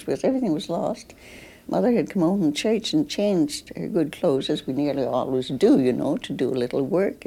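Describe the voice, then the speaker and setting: Husky, low-voiced old woman remembering. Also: mellow. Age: older. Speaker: pioneer recalling the past. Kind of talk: archival oral-history interview.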